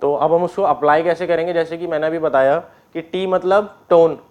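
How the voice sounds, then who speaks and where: A man teaching an online keyboard class, explaining step by step, often clearing his throat and checking that students follow. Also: a little high, fairly even intonation, normal speed, a little mellow. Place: indoors with keyboard and board.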